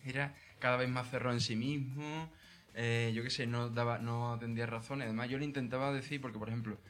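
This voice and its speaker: Over soft background music, a man tells a crude comic story in a casual storytelling style, swearing freely and laughing through it. His voice is mid-range and fairly bright, with fairly even intonation and a fairly quick pace.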